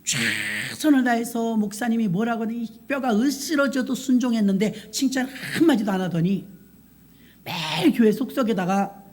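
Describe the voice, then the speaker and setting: A woman's voice: fairly high pitch, normal speed, darkish tone. A woman pastor preaching at a night vigil service in a church, stressing words by repeating them and asking the congregation rhetorical questions. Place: church sanctuary.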